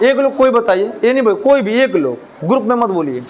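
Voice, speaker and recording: A man's voice: very high voice, very animated, fairly quick, a little mellow, a faint crowd, slight background noise. A male teacher, lecturing a class in a classroom, questioning the students and joking with them. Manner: asks the class questions, jokes and mimics lisping children.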